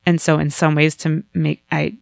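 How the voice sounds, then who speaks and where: A woman in casual podcast chat, telling a story in an animated way and acting out the lines of the people in it. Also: sits low, moderate pace, creaky, no room sound. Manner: animated storytelling with voiced quotes.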